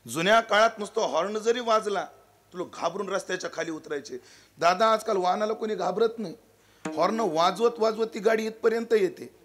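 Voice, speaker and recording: A man preaching a devotional kirtan, telling folksy, humorous stories and slowly chanting verses. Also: sits high. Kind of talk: devotional storytelling sermon. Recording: live kirtan with loud music.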